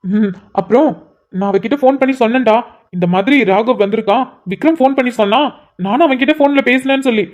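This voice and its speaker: A woman's voice: a little high, quick pace, a little mellow, lightly acted. A woman voicing a sentimental young man who is emotional and pleading, in a cartoon. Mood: fond. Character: tearful sentimental young man meeting an old friend. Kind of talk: cartoon voice acting. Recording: slightly muffled lo-fi audio.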